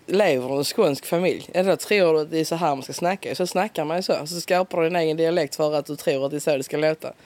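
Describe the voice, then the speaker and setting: A woman with a broad Scanian accent chatting in a relaxed interview, talkative and quick to laugh. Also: low-pitched, dry recording. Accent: broad Scanian Swedish. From Skåne, southern Sweden. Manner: chatty, laughs often, lively. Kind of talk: casual conversational interview.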